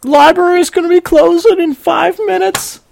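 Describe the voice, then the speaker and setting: A man putting on the voice of a panicky, heavyset woman making an announcement over a library loudspeaker, with a shrill drawl. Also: fairly even intonation, normal speed, creaky, dry recording, heavily acted.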